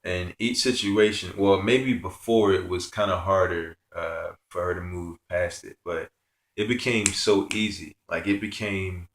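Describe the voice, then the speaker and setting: A man's voice: low-pitched, fairly bright tone, echoey room. A man telling a personal spiritual story in an earnest, rambling way, with many fillers. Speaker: spiritual vlogger.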